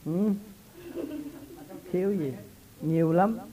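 A man speaking as a spiritual teacher, his voice sitting a little high. He talks in a loose, folksy way, telling homely stories and breaking into laughs as he goes. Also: slow, warm tone, poor audio. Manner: chatty, laughs often, folksy storytelling. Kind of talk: casual religious talk.

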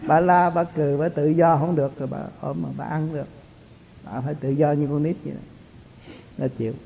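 A man's voice: a little high, fairly even intonation, fairly quick, creaky, warm tone, slight background noise. A man, a spiritual teacher giving an informal, chatty talk to his followers and chuckling often. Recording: tinny lo-fi recording.

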